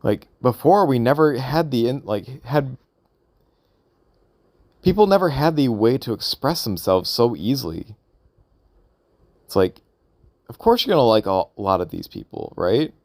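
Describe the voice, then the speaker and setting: With an expressive, medium-pitched, somewhat dark voice, a vlogger talks through his thoughts in an unscripted, casual audio log. He hesitates, stalls, rambles, and keeps asking questions again, and the recording has no room sound.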